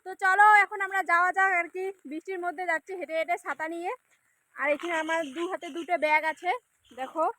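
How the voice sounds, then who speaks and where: High-voiced chatty woman vlogging. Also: steady tone, quick pace, pushed and bright. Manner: chatty, addresses viewers directly. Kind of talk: casual vlog chat. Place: outdoors in rain, then dance class.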